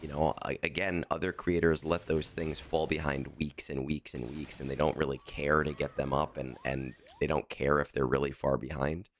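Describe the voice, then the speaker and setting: A man's voice: extremely low pitch, level tone, normal speed, hardly any pauses. A man streaming a game and chatting in a casual, rambling and joking way, his voice scratchy in the morning. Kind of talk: casual live-stream chat.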